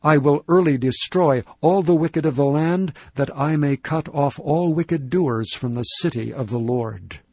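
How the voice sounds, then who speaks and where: A man giving a steady, measured, solemn scripture reading. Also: on the high side, husky, dry recording. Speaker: Bible reader.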